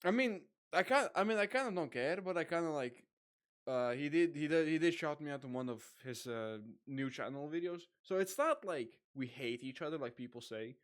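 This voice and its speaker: This is a young man hosting a casual online conversation, with a voice that sits a little high for a man. He rambles through his stories, stacking fillers, and laughs easily. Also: animated, moderate pace. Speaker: podcast host. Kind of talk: casual chat.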